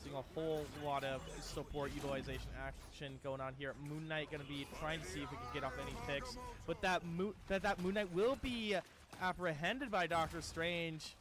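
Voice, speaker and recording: A fairly high-voiced male caster narrates esports action at a moderate speed. He keeps it relaxed and talkative, addressing people as "dude" or "bro" and tapering off with fillers.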